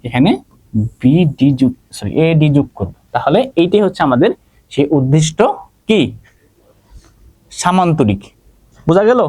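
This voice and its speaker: A man's voice: on the high side, a little mellow, no echo. A male math teacher with a Bangladeshi Bengali accent, leading an online geometry class and checking in with students by name. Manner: checks in constantly with "ঠিক আছে?", asks and answers own questions.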